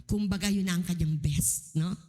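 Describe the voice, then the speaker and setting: A woman's voice: on the low side, normal speed, big-room sound. A woman pastor, preaching a sermon and acting out the people in the story. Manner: animated, acting out voices in quotes.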